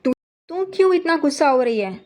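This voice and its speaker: A woman reading a calm, easygoing husband. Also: sits high, a little fast, pitched above the performer's own voice. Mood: placating. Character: easygoing middle-aged husband.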